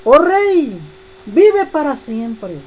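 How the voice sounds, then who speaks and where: A woman voicing a calm, faithful prophet who answers a king with a solemn, earnest declaration. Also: high voice, drawn-out words, dull audio, a little hiss or hum, pitched above the performer's own voice, full character voice.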